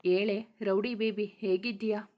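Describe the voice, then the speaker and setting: A woman's voice: mid-range voice, level tone, unhurried, lo-fi sound, lightly acted. A woman doing a cheeky, teasing young man. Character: cheeky young male friend, teasing and playful. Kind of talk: storybook reading.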